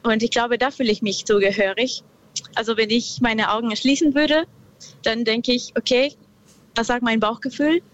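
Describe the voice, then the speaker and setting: A woman from Peru, calling in to a radio show from her car and speaking slowly and thoughtfully, with many pauses. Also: on the high side, fairly even intonation, muffled recording. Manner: slow, thoughtful, hesitant. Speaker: caller. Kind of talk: radio call-in.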